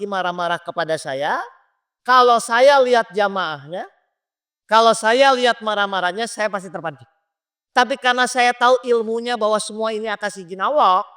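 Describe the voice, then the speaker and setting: A man's voice: high voice, sharp tone, clear, resonant tone. A man preaching a sermon in a mosque, talking straight to his listeners and asking them questions. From Indonesia. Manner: addresses listeners directly with questions.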